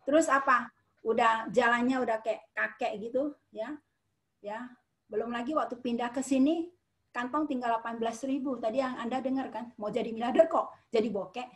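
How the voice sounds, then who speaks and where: A middle-aged woman from Medan giving a motivational talk to an audience, emphatic and repetitive, swinging between loud and quiet. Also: fairly high pitch, fairly even intonation, moderate pace. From Medan, Indonesia. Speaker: motivational speaker.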